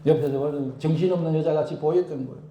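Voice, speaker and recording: A male pastor preaching a sermon in an animated way, acting out prayers and shouting for emphasis. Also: on the high side, very fast, echoey room, a little hiss or hum. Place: church.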